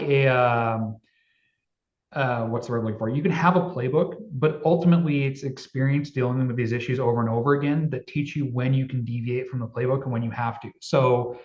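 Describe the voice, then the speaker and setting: A man speaking at an ordinary middle pitch, answering panel questions in a candid, halting way. His voice comes through a video call with a roomy echo and dull, muffled audio. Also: a little mellow. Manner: candid, halting, searching for words. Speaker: municipal IT panelist.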